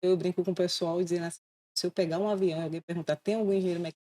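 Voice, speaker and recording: A woman, a relaxed interview guest with self-mocking humour. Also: on the low side, rapid-fire. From Salvador, Brazil. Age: 30s. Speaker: guest, insurance broker. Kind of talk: casual interview chat.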